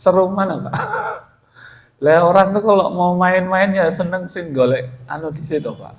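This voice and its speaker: A man's voice: high-pitched, normal speed. A male preacher with a Javanese accent, giving a folksy, conversational sermon and often addressing his listeners directly. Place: mosque. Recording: echoey hall reverb.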